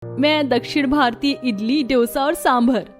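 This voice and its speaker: A woman plays a kind, resourceful young Bengali daughter-in-law in a cartoon. Her voice is on the high side, set over background music. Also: unhurried. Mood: keen. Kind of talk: cartoon story acting. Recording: music under the voice.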